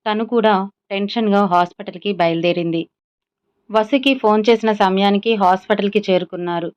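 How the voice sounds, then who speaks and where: Woman storyteller, scripted narration, smooth tone; lo-fi sound. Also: medium pitch, darkish tone.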